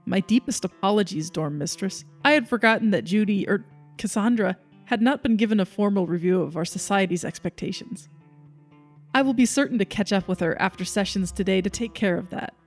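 A man's voice: high-pitched, fairly quick, faint music behind, voice pushed up. A man voicing a stern, sneering young woman who is a school prefect, speaking in a clipped, condescending way. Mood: coolly formal.

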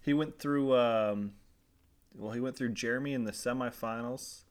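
A man chatting casually as a guest, joking and a little halting, often repeating his words. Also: mid-range voice. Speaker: guest league member. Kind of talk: casual chat.

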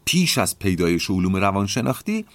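A man hosting a podcast, calmly explaining ideas in a reflective lecture and often asking rhetorical questions. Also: lowish voice, no room sound. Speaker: podcast host.

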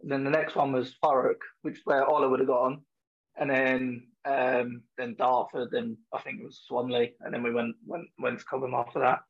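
A man's voice: mid-range voice, little pitch movement, normal speed, highs cut off. A man with an Essex accent chatting casually as an interview guest, in a matey, colloquial way. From Essex, England. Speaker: podcast guest, former academy footballer.

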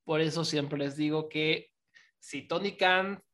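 Opinionated man, higher voice. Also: fairly even intonation, slow, fairly bright tone. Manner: opinionated, often ends phrases with a questioning tag. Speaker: wrestling podcast co-host. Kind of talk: casual podcast analysis.

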